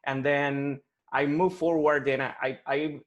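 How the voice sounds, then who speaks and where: On a video call for individual coaching, a forties-aged client from Colombia talks in halting bursts with frequent restarts, in his Colombian Spanish accent. His voice is a touch high, his delivery flat, and the audio lo-fi.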